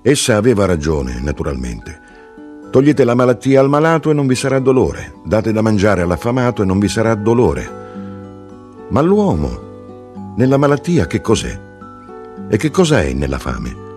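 A man giving a measured, expressive literary audiobook reading. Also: faint music behind. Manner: measured, expressive reading with wide pitch swings. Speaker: reader.

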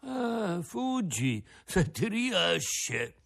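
A man voicing a resigned, philosophical male tuna with a cracked, creaky voice, speaking slowly in a storybook reading. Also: high-pitched, very animated, a bit bright, pitched above the performer's own voice, heavily acted. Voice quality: cracked, creaky voice like an out-of-tune guitar. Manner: slow, resigned, drawn-out delivery. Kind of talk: audiobook character voice.

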